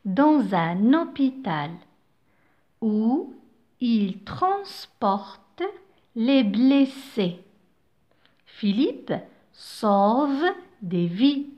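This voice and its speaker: A woman teaching a reading lesson to young children, reading slowly and articulating each word with care. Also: a little high, highs cut off. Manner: slow, careful, over-articulated reading. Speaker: French teacher.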